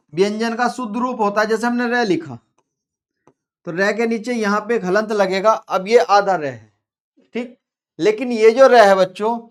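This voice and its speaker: A man teaching a grammar lesson to pupils, slow and repetitive, drawing out sounds and asking his class questions. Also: sits high.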